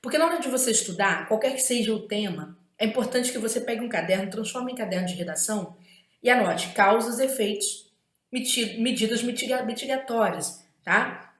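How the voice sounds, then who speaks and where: A woman's voice: on the high side, fairly quick, roomy sound. A woman with a Brazilian Portuguese accent gives an exam-prep writing lesson, emphatic and often checking in with tag questions.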